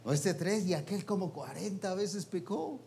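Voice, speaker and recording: A man's voice: sits high, expressive, moderate pace, vocal fry, dark tone, slight background noise. Man preaching, quizzing his listeners. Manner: colloquial, trailing "pues" and "¿va?". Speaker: preacher teaching a ministers' meeting. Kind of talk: interactive sermon.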